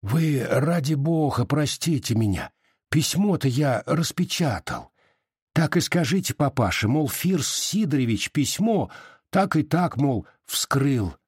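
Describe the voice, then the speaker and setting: A man reading an audiobook voices a fawning, apologetic village postmaster, mumbling his excuses in a husky voice. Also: medium pitch, expressive, a little slow, darkish tone, no room sound, clean studio sound.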